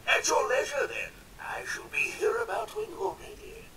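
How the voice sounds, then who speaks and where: A man's voice: very high voice, animated, normal speed, sharp tone, recorded from a distance, slight background noise, full character voice. A man voicing a polite male robot gardener in a video game, with courteous, old-fashioned phrasing. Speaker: game character.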